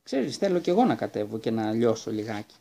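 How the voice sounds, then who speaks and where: A man's voice: on the low side, sing-song, creaky, dark tone, full character voice. A man voicing a brave, eager young boy in a storybook reading, earnest and reassuring.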